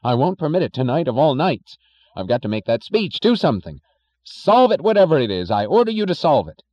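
A man voicing a panicking male official who yells and raises his pitch sharply. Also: very animated, a little fast, dull audio. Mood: frantic rage. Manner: yelling, frantic, high-pitched outbursts.

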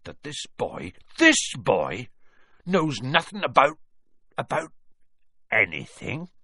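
Big gruff storybook giant, rustic talk, husky, swings up and down a lot, hot tempered but kind. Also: male voice, huge pitch swings, moderate pace, sharp tone, dry recording, studio quality, exaggerated voice. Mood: indignant. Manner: rustic dialect, booming when angry. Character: huge gruff giant man, hot-tempered yet kindly.

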